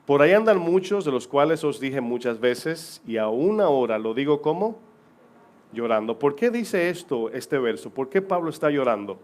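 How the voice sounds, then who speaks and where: A man's voice: medium pitch, expressive, moderate pace, darkish tone. A married man preaching a sermon as pastor to his congregation, reading scripture aloud and asking rhetorical questions.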